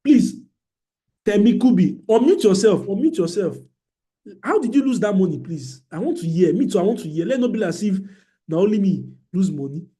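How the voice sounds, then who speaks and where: A man with a Nigerian accent hosting an online trading class, animated, joking and exclamatory, speaking into a computer mic on a video call. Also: high-pitched, brisk. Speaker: trading webinar host.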